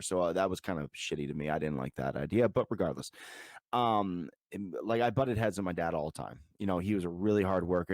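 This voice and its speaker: Low-voiced New man telling stories. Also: darkish tone, dry recording, studio quality. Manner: rambling, profane, lots of filler words. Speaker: podcast guest. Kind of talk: casual storytelling chat.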